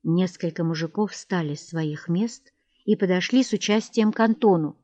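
A woman narrating a classic Russian story in a measured, expressive reading. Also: lowish voice, dry recording, muffled recording. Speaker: audiobook narrator.

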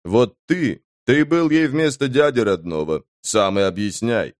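A man's voice: medium pitch, unhurried, no echo, studio quality, close to an everyday voice. A man voicing a tense, evasive male soldier-mage who brushes questions off in a fantasy audiobook. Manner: tense, dismissive.

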